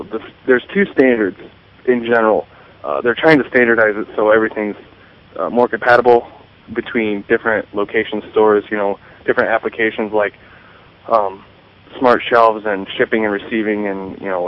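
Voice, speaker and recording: An American man hosting a tech radio show, explaining things in a casual conversational way. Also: lowish voice. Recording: tinny phone-like audio, faint hiss.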